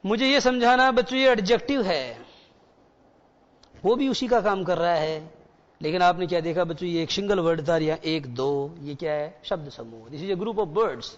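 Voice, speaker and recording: A man's voice: high-pitched, moderate pace, in a large hall, lo-fi sound. A male teacher giving a grammar lesson in a mix of Hindi and English, repeating key words and asking the class questions.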